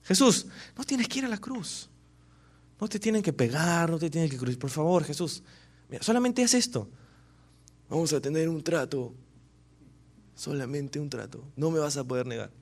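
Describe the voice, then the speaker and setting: A smooth-talking tempter pleads and bargains, pushing a shortcut deal the way a mobster would. A man acts him out within a sermon, his voice sitting a little high. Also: expressive, normal speed, long pauses. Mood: wheedling. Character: scheming male tempter offering a deal.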